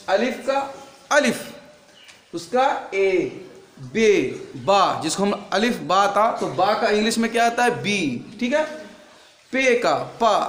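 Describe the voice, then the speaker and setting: A man's voice: high-pitched, a bit bright, roomy sound. A man teaching a class, drilling letters through repeated question and answer and telling the pupils off for noise. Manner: repetitive call-and-response drilling. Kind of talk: classroom lesson.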